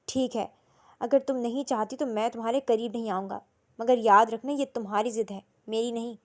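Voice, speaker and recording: A woman's voice: on the high side, fairly even intonation, lightly acted. Woman voicing a cold, stern young husband. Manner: quiet, cold and firm.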